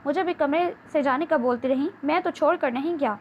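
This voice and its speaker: A woman's voice: high-pitched, close to an everyday voice. A woman reading the part of a stern, defensive businessman husband in an audiobook novel, with a curt, lecturing delivery. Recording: dull lo-fi with faint hiss.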